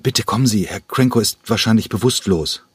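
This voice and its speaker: A man voicing an anxious young female flight attendant with a hoarse voice. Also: lowish voice, a little fast, no room sound, voice pushed up.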